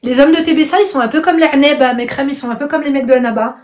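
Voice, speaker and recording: High-pitched woman live-stream host, casual chat, frank opinions, affectionate pet names for viewers. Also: fast talker, darkish tone. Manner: blunt and outspoken, calls viewers darling; punctuates opinions with "I swear" and "I'm telling you the truth".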